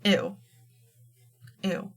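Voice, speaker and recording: A drag queen host giving casual, candid, sweary reaction commentary with an expressive delivery. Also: very slow, over music.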